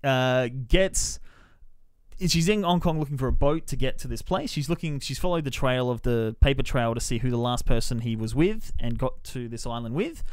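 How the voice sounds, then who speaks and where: A podcast host with a clear, mid-pitched voice chats animatedly through a casual, spoiler-filled film review at normal speed. He swears freely and slips into mimicking characters' lines while retelling scenes. The recording is dry, with no room sound at all.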